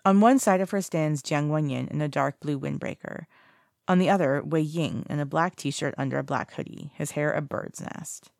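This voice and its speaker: Brief: an audiobook narrator with a gravelly edge, reading casually, dry close recording. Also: mid-range voice, no echo. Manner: casual reading with small slips and self-corrections. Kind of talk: fan fiction audiobook reading.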